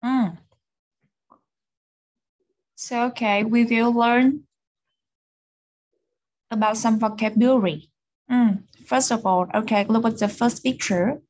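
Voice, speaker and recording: A young native Vietnamese speaker teaches English online, patiently having learners repeat words after her and switching between English and Vietnamese. Her voice is on the high side and slightly mellow, with a steady tone, a slow pace and long pauses, in a dry recording.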